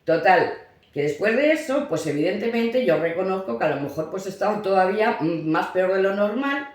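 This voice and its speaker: A middle-aged woman from tells a story in a lively, swooping voice. She acts out the people she quotes and stumbles into restarts as she goes. The sound is roomy and echoey. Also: mid-range voice, moderate pace. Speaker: mother of the host, guest. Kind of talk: casual storytelling.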